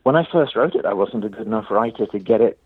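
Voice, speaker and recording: A man's voice: on the low side, expressive, quick pace, slightly rough, no room sound. A male playwright being interviewed, speaking thoughtfully with many restarts over a phone line. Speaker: playwright guest. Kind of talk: interview conversation.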